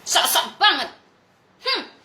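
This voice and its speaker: A woman with a high, bright, cutting voice rants straight at her viewers in a blunt, crude, confrontational monologue. The sound bounces around an echoey room. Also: sing-song, slow. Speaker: vlogger.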